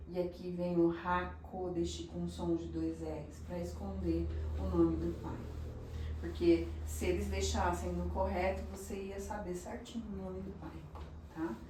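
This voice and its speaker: A woman slowly explaining Hebrew names, checking in with her listeners as she teaches. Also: lowish voice, level tone, recorded from a distance, noisy background. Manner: slow, explanatory, often checks in with "tá?". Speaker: religious teacher. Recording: echoey room, voice a bit off-mic.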